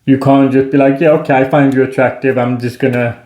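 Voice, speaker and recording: A man's voice: medium pitch, level tone, fast talker. A man co-hosting a vlog in casual conversation, earnest and often checking that the listener understands. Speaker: co-host of a couple's vlog. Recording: echoey room, slightly dull sound.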